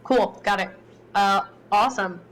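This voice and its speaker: A woman's voice: medium pitch, unhurried, a bit bright, slight background noise. A woman chatting casually as a player in a tabletop role-playing game. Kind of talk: casual chat during a game.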